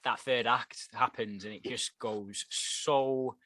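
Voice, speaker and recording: Brief: easygoing man, co-host, middle pitch, relaxed chat. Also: slow. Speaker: podcast co-host. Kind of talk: casual chat.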